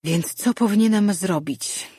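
A woman voicing a weary, troubled man who speaks softly and gently. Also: mid-range voice, measured pace, slightly rough, no echo, studio quality, voice pushed up. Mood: gentle. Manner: soft, gentle, tired. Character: weary, troubled male sorcerer.

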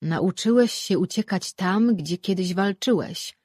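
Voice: medium pitch, measured pace, a little mellow, breathy edge, no echo, clean studio sound. A reader voicing Surim, a blunt, sardonic immortal man, in a fantasy audiobook.

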